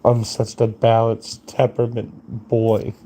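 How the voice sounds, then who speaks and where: A man's voice: medium pitch, completely flat delivery, slow pace, mellow, slight background noise. A sleepy young man rambling crudely through a late-night monologue, yawning and meandering. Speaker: streamer.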